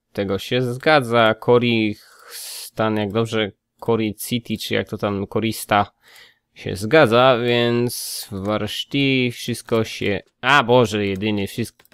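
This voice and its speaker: A man's voice: fairly low pitch, a bit bright, clean tone, no echo, clean studio sound. A man casually commenting on his gameplay, thinking aloud and muttering as he checks details. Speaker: let's play gamer.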